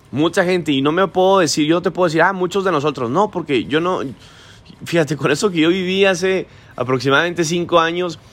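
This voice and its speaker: A man with a Mexican Spanish accent hosting a podcast, giving a casual motivational monologue and often tacking on quick tag questions. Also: mid-range voice, fairly bright tone.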